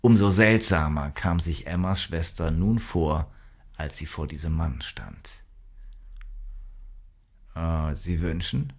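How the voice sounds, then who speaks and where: A man narrates a crime audiobook in a measured, even reading. His voice sits very low, and he takes his time with each sentence.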